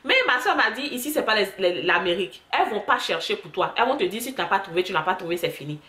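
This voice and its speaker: A young woman vlogger telling stories to the camera in a chatty, animated way. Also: mid-range voice, fast talker. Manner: chatty storytelling, animated asides. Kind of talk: casual chat to camera. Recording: echoey room.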